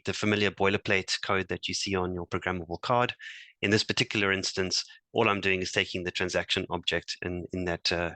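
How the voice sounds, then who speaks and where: A man presenting a software demo to fellow engineers, talking hesitantly with many fillers and restarts. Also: sits low, no room sound. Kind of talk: technical demo talk.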